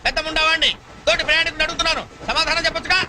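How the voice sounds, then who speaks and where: An actor playing a boastful husband who scolds his wife without pause in a comedy film scene. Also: fairly even intonation, over a noisy crowd. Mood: ranting. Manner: shrill, frantic, scolding nonstop. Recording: film scene under loud music.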